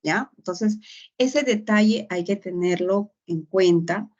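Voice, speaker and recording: A woman's voice: mid-range voice, slow pace, darkish tone. A woman teaching a grammar lesson, explaining patiently and checking in with short tag questions. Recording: dull lo-fi sound.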